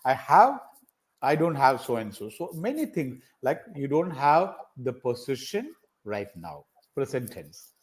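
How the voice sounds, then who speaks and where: A South Indian man tutors English over a video call in a conversational practice session. His medium-pitched voice is sing-song and unhurried. He's encouraging, repeating phrases and rattling off many example sentences.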